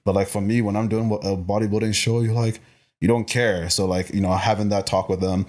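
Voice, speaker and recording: A man talking as a guest on a podcast, a personal trainer who speaks in an animated way, full of fillers and acted-out quotes. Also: on the low side, brisk. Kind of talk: casual podcast conversation.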